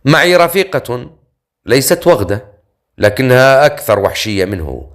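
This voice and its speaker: A man's voice: on the low side, big pitch swings, normal speed. A man voicing a cocky young male adventurer in an audiobook, with a mocking, teasing manner.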